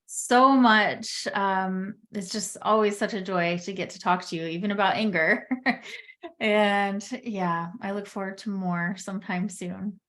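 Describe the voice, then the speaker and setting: A woman's voice: mid-range voice, steady tone, unhurried, hardly any pauses, a bit bright. A woman hosting a podcast, speaking in an affirming, personal way as she talks with her guest. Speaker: podcast host. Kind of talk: conversational interview.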